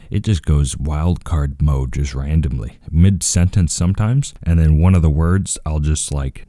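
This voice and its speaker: A man with an extremely low, dark voice chats casually for his vlog. He talks quietly and in a laid-back, rambling way, close to the mic. The sound is dry and dead, with no room in it. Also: dry recording. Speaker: video creator. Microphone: close microphone.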